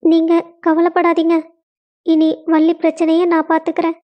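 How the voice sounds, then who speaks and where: A woman's voice: extremely high pitch, monotone, moderate pace, highs cut off. A woman voicing a caring young wife who soothes her husband, with a Kongu Tamil accent. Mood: soothing. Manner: soothing, pleading.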